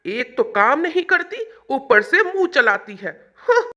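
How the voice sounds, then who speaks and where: A woman doing a shrill, nagging old mother-in-law. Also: big pitch swings, slow pace, bright, forceful tone, dull audio, heavily acted. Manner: shrill, complaining, bossy.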